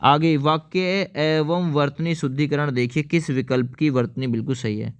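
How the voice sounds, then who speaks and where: Smooth-voiced man teaching a lesson. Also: fairly high pitch, steady tone, normal speed. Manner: explains step by step, often asks viewers to answer. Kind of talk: exam-prep lesson.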